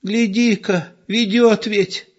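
A fussy old village woman frets and wails in a high voice, as a male reader puts her on. She is a frightened granny from a storybook. The recording sounds dull and lo-fi. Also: animated, normal speed. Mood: alarmed. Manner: fretful, wailing.

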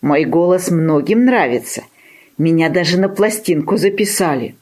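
A woman's voice: on the low side, lively intonation, moderate pace, darkish tone. A woman voicing a proud, boastful male rooster in a storybook tale, pompous and condescending.

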